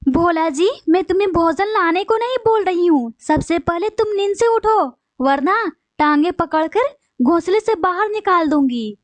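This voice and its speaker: A woman voicing a female bulbul bird, a sharp-tongued wife and mother, with a scolding, bossy manner. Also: extremely high pitch, animated, normal speed, no echo. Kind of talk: cartoon voice acting.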